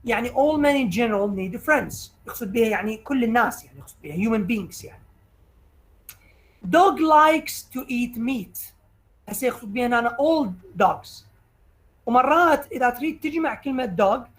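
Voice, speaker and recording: Slow, careful woman lecturing with Iraqi accent. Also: a little high, poor audio. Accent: Iraqi Arabic. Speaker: English teacher. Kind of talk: recorded bilingual lecture.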